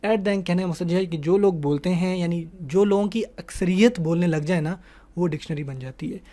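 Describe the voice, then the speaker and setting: A man's voice: sits high, warm tone. A male teacher giving an online grammar lesson. He explains patiently, checks in with the class often and mixes English words into his talk. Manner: explanatory, asks "ٹھیک ہے نا" often.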